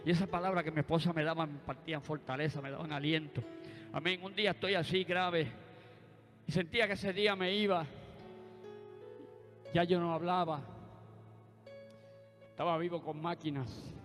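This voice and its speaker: Bright, high preacher. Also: male voice, fairly even intonation, moderate pace, long pauses. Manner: punctuates his story with calls of amen and praise. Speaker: preacher giving a testimony. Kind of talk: sermon testimony. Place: church. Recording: church hall reverb with faint music.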